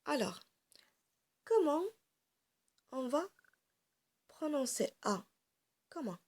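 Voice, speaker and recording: Patient woman teacher for a children's phonics lesson, slightly high, creaky voice, repeats each sound. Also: very animated, drawn-out words. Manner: explains step by step while drawing on a board.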